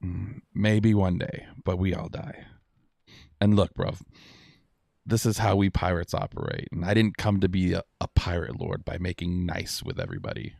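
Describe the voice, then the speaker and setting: A swaggering, ruthless pirate lord, voiced by a man in a tabletop game, very low and gravelly in tone. He drags out his threats with smug, gruff menace. The sound is close and dry. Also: moderate pace, darkish tone, dry recording.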